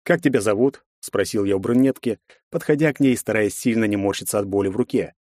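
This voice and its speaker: A man with a fairly low, slightly mellow voice narrates a first-person fantasy audiobook in a measured storytelling style. The recording is studio quality, with no room sound.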